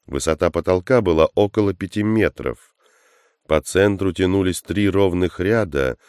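Deep-voiced male audiobook narrator, dry close sound. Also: darkish tone, clean tone, no echo. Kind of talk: scripted narration.

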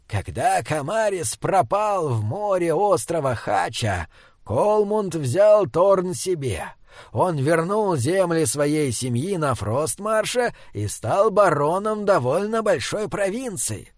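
A man's voice: a little high, big pitch swings, slow, no room sound, studio quality, heavily acted. A man doing a cranky old jester. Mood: irritable. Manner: grumbling, irritable storyteller. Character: old male court jester, small, cranky.

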